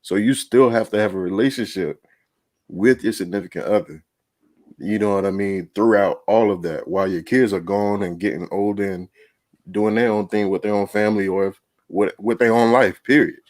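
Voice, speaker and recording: A man with a lowish voice talks loosely in a casual podcast, leaning on "you know what I'm saying". The sound is dry and close, with little room around it. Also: normal speed, darkish tone, no room sound. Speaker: podcast guest.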